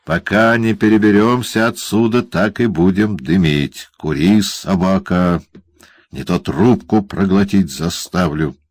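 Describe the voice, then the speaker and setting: A man's voice: deep voice, a little slow, few pauses, no room sound. A man voicing a cruel, gleeful male dwarf in an audiobook, barking orders with a snarl. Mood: gloating. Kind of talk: audiobook character voice.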